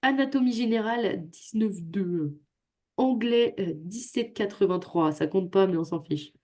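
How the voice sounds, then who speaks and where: Unhurried and mellow, this young adult woman's mid-range voice carries lively intonation. She's tutoring students over a video call in a chatty, self-deprecating, joking way, picked up by her computer microphone.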